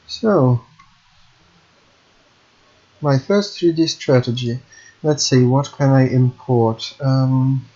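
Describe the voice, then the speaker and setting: A hobby game programmer whose first language is Russian thinks aloud while recording himself coding at his home computer. His medium-pitched voice has a dark tone, and the recording is muffled. He sounds hesitant, corrects himself and apologizes often.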